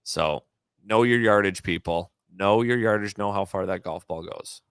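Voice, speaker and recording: A man's voice: fairly low pitch, normal speed, fairly bright tone, clear, resonant tone, dry recording. A man is chatting on a golf show. He talks loosely and keeps correcting himself. The sound is close and dry. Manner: chatty, self-correcting, jokes about his own radio DJ voice. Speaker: golf podcast co-host. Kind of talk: casual chat.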